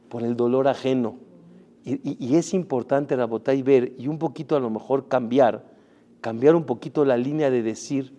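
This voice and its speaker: A middle-aged rabbi giving a Torah sermon, emphatic, with rhetorical questions and Hebrew terms mixed in. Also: male voice, mid-range voice. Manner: emphatic, rising and dropping loudness, rhetorical questions to the audience; sprinkles Hebrew terms into Spanish.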